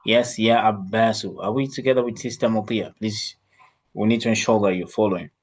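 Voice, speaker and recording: A man's voice: fairly low pitch, fast, a little mellow, breathy edge. A man teaching an online Arabic class, patiently repeating phrases and coaching a student's pronunciation.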